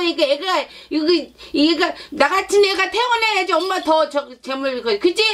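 Woman shaman doing a sulky child spirit, very high squeaky voice, whiny and pouting, loud noise and rattle behind. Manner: whiny, pouting, coaxing with repeated tag questions.

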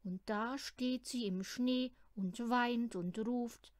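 A woman reading a children's storybook aloud in an unhurried, expressive way. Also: on the high side, dry recording, clean studio sound. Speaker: storybook reader.

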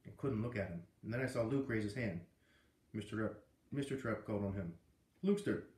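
Reading a storybook aloud with casual asides, a man in his thirties speaks in a lowish, darkish voice at a fairly quick clip. It's recorded in his living room by a camera a few feet away, giving roomy, echoey audio.

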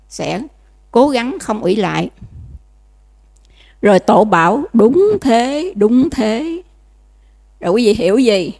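A nun, giving a dharma lecture in a conversational way and often checking that listeners follow. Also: female voice, mid-range voice. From Vietnam. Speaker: Buddhist nun teaching.

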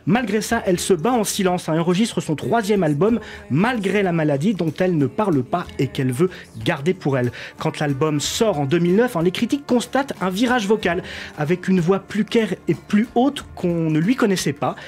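A man's voice: high-pitched, expressive, brisk, darkish tone, faint music behind. A man presenting a radio culture segment, telling an artist's story with a frequent tag word. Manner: frequent filler "hein", storytelling delivery. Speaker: radio columnist.

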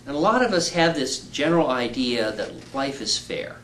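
A man's voice: medium pitch, animated, moderate pace, fairly bright tone, a little hiss or hum, poor audio. A middle-aged man, a surgeon, patiently explaining an operation to patients in plain words with homely examples. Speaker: weight-loss surgeon. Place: indoor room.

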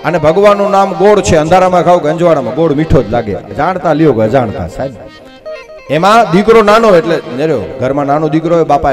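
A man with a Kutchi Gujarati accent telling a religious story at a live katha, acting out the characters with sudden jumps in pitch. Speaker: Bhagavat katha preacher.

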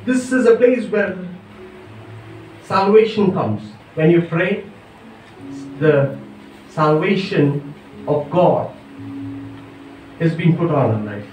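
High animated preaching man. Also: slow, long pauses, faint music behind. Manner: emphatic preaching, frequent hallelujahs. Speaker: pastor. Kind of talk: sermon. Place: large church stage at a pulpit. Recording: echoey church hall, far from mic, faint noise.

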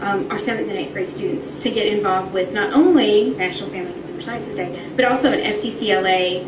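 Speaking quickly in a mid-range voice, a woman who teaches middle school explains her points in an interview. We hear it as distant, echoey playback re-recorded from a projection screen in a noisy classroom.

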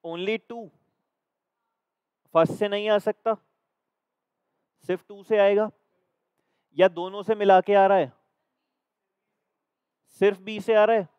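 A man's voice: sits high, steady tone, takes it slowly, pauses often, darkish tone, smooth, no room sound. A man with a Hindi accent teaching a reasoning class, explaining exam questions step by step and checking that his students follow. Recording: dry, slightly dull recording.

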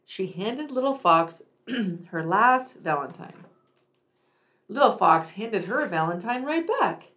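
With a slightly bright, mid-range voice, a woman animatedly reads a children's picture book aloud at a slow pace. She leans into emphatic, dramatic phrasing to engage young listeners.

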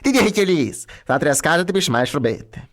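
A man voicing a spiteful, scheming old witch in a read-aloud fairy tale, shrill and scolding. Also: expressive, fast, natural voice.

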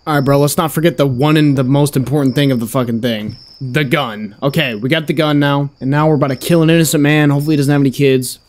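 A man doing casual gameplay commentary, with loose, joking reactions, plenty of slang and cursing. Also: medium pitch. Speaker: gaming content creator.

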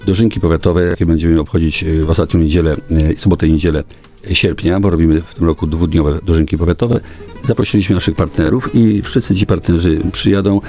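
His tone is steady as this middle-aged man, a local government official with a very deep, dark voice, responds formally on a small radio studio's boom microphone. He hesitates often, lingering in long pauses, and faint music plays underneath.

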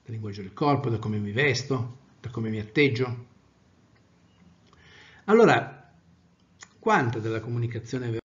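A male trainer giving an animated lecture, swinging from loud to soft to demonstrate tone. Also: mid-range voice, moderate pace, pauses often, dull audio. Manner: animated, varies volume widely, demonstrates tones of voice.

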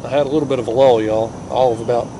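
An excited young man with a drawl chats in a folksy way as he reels in fish from his kayak. He is picked up by an action camera mounted on the boat, out on open water. Clear wind and water noise runs under his voice. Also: mid-range voice, very fast. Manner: excited, laughs often, folksy. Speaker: fishing vlogger. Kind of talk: casual outdoor fishing commentary. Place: kayak on a river outdoors.

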